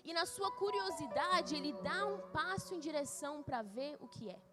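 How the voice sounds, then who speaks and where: A young woman preaching a lively, chatty conference sermon, telling stories and acting out quotes. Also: high voice, moderate pace. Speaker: missionary preacher. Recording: live sermon with music behind.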